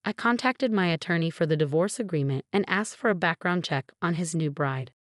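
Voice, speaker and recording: A woman narrating a first-person story in a calm, even, scripted way. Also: fairly low pitch, a little fast, no room sound, studio quality.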